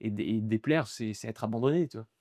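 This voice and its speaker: A man's voice: fairly low pitch, fast, mellow, no room sound, studio quality. A young man speaking as a guest in a casual interview, hesitant and full of restarts and repeated words. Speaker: guest, aspiring comedian.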